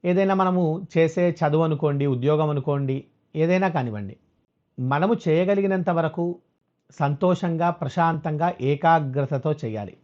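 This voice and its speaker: Man giving a slow scriptural discourse. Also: fairly high pitch, darkish tone, dull audio. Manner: explains scripture, chants Sanskrit verses slowly. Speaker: spiritual teacher. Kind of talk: Telugu religious discourse.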